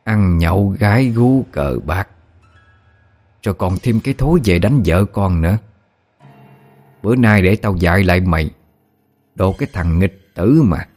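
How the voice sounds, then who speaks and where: A stern old mother's ghost scolds in a low, commanding voice, as a male narrator puts her on. She talks down to her son with steady authority. Faint music sits underneath. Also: measured pace, long pauses, roomy sound, big-room sound. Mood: scolding.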